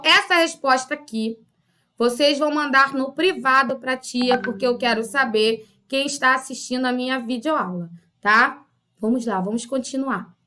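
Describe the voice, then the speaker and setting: A woman's voice: sits high, pushed and bright. A woman with a Brazilian Portuguese accent teaching a video lesson to young children, chatty and checking in with frequent little questions. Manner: chatty, uses frequent tag questions to pupils. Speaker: primary school teacher.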